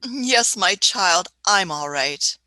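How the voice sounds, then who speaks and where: A woman's voice: lowish voice, animated, slow, sharp tone, no room sound, heavily acted. A woman voicing a fussy elderly Doctor who chuckles, hums and uses old-fashioned phrases in a radio play. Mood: testy. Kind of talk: amateur radio play acting.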